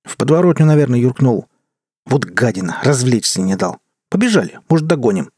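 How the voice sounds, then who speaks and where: A man voicing a crude, jeering teenage boy who shouts at a dog, in an audiobook. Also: mid-range voice, sing-song, fairly quick, slightly rough, dry recording, clean studio sound.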